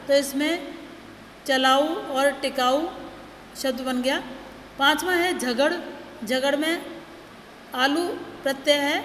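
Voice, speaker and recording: A woman teacher giving a grammar lesson, slowly and deliberately reading out words one by one. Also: high-pitched, a bit bright. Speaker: school teacher. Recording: echoey room with long reverb, faint noise.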